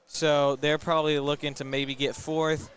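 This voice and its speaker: A young man doing commentary for a high school basketball broadcast, announcing in a casual, hesitant way with frequent self-corrections. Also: level tone, moderate pace, a bit bright. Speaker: student play-by-play announcer. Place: school gymnasium.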